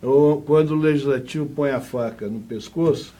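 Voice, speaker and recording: A man's voice: medium pitch, normal speed, mellow. A man with a Brazilian Portuguese accent, working as an interviewer in a conversational political interview.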